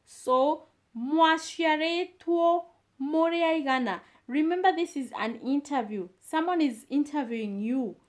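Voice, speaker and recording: A woman teaching a beginner language lesson, slowly repeating each phrase for the learner. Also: sits high. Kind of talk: slow, patient language lesson.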